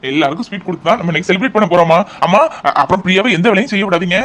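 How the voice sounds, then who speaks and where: A man voicing an excited young husband in a cartoon family drama. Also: high voice. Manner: eager, rushed, joyful.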